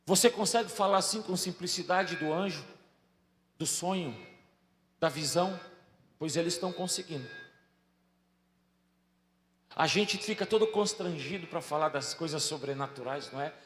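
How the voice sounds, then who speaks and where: Storytelling pastor in an echoey hall. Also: male voice, on the high side, normal speed, long pauses. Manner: storytelling, swinging from soft asides to loud bursts. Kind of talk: sermon. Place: large church hall. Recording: echoey hall with faint ambience.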